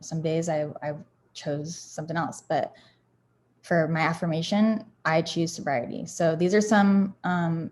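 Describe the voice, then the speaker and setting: This woman's voice sits on the low side and sounds a little mellow. As a founder, she gives a loose, candid motivational talk on affirmations, rambling with frequent fillers and restarts.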